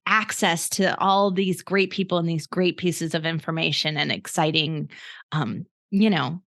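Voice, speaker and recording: A woman with a mid-range, fairly bright voice hosts a podcast interview in a casual, chatty way. She's upbeat and encouraging, laughing easily as she puts her questions to the guest.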